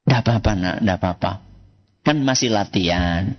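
A man preacher voicing a gentle mother who reassures her young son in a soft, low voice. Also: moderate pace, close to an everyday voice. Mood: soothing. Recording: echoey hall, dull lo-fi sound.

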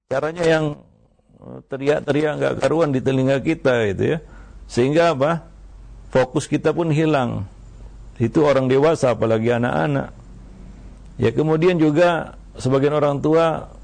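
A man, an Islamic teacher giving religious advice, speaking in a measured way with many small fillers and quoting Arabic verses. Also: medium pitch, creaky, darkish tone. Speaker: Islamic teacher answering questions.

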